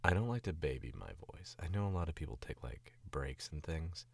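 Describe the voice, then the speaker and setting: A sick Southern US man with a Southern accent rambles casually on a stream as a voice actor, his very deep voice dropped lower by illness. He sounds animated, fairly quick, gravelly and a little mellow, distracted and chuckling often. The recording is dry.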